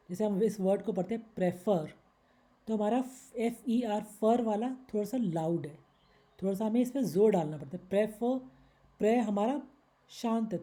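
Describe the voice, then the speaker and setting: A woman's voice: medium pitch, mellow. A woman teaching English grammar in Hindi, patiently explaining rules step by step and reading out word examples. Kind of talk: slide-based Hindi grammar lesson.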